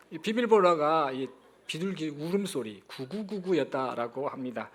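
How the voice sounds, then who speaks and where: Brief: a man preaching in church, speaking in a slightly raised register, telling an anecdote to his congregation. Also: fairly high pitch. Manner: storytelling, addressing the congregation directly. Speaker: pastor. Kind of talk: Sunday sermon. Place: church sanctuary.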